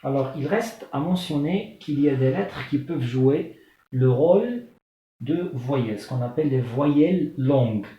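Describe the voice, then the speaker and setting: A man's voice: medium pitch, expressive, measured pace, warm tone. A man teaching an Arabic lesson, patiently sounding out syllables one by one and repeating them. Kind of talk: slow spelled-out language lesson. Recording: echoey room, dull lo-fi sound.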